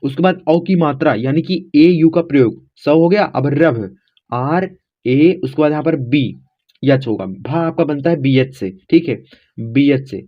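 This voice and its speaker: Guy teaching a lesson, spells it out letter by letter, keeps saying ok, bit high voice, muffled recording. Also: measured pace. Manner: repeats "theek" constantly, spells letters aloud step by step; addresses viewers as friends, informal. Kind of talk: casual classroom explanation. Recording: dull lo-fi recording.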